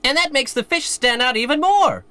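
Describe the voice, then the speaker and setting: An actress playing an eager, cheeky young apprentice in scripted promotional dialogue. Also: female voice, high voice, expressive, moderate pace, pushed and bright, no echo. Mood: chirpy. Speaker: apprentice character in a promo video.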